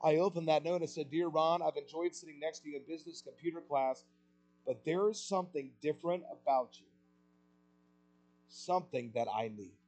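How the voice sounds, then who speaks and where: A man preaching a sermon with passion, asking rhetorical questions and swelling louder on key points. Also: fairly high pitch, normal speed, dull audio, soft background music.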